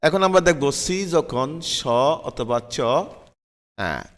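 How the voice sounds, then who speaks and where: Slow, patient man teaching in an echoey room. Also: mid-range voice, very animated, fairly bright tone. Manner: patient, spells letters slowly and repeats words. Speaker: English pronunciation teacher. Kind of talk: slow spelling-out lesson.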